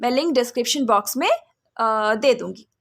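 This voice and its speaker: A woman hosting a phonics lesson channel, explaining spelling rules deliberately and sounding words out letter by letter, mixing English phrases into her explanations. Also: fairly high pitch. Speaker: phonics teacher and channel host.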